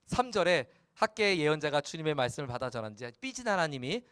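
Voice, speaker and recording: A male pastor preaching a sermon in a playful, animated way, slipping into character voices. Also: fairly high pitch, quick pace, smooth, dry recording, studio quality.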